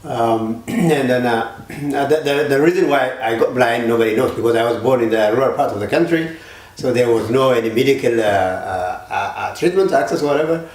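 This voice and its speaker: A man's voice: mid-range voice, moderate pace. A man from Ethiopia, a panel guest, speaking English hesitantly, often stopping and repeating words. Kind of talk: casual panel conversation. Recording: echoey room.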